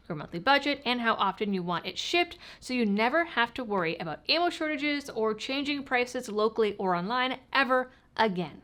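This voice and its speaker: A woman's voice: on the high side, fairly bright tone. A woman hosting a news commentary channel, speaking informally and a little lispy, with stitches in her mouth after recent oral surgery. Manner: informal, wry asides. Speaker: host of a gun-rights news channel. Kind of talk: scripted news commentary to viewers.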